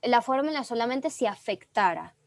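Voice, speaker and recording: A woman's voice: on the high side, lively intonation, normal speed. A woman student asking her teacher a question, hesitant and full of fillers.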